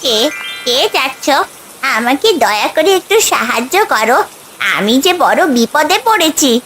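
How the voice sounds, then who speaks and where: A woman's voice: high voice, expressive, measured pace, background noise. A woman voicing an injured colorful bird that pleads for help. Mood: pleading.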